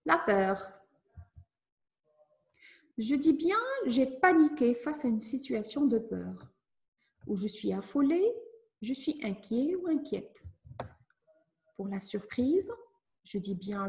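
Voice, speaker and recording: A woman teacher giving a lesson to children, speaking slowly and clearly as she explains each step. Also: fairly high pitch, darkish tone. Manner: slow, clear, instructive. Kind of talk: classroom lesson narration.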